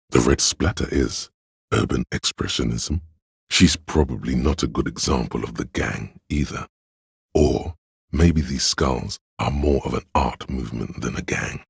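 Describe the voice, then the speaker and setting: A male inner voice, the pretentious, intellectual voice of artistic imagination, narrates a video game in second person with pompous, arty flair. It's extremely deep, gravelly and husky with a creaky edge, exaggerated and delivered theatrically and ponderously like scripted art criticism, in a musing, grandiose mood. The recording is close and dry.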